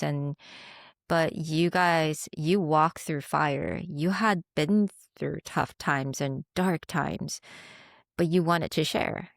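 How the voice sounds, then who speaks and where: A woman hosting a podcast, asking questions in a warm, admiring, unhurried way. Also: deep voice, no room sound, studio quality. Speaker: podcast host. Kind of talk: casual interview chat.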